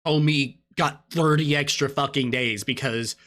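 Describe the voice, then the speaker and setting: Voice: mid-range voice, unhurried, fairly bright tone. A streamer giving casual reaction commentary in a blunt way, swearing freely.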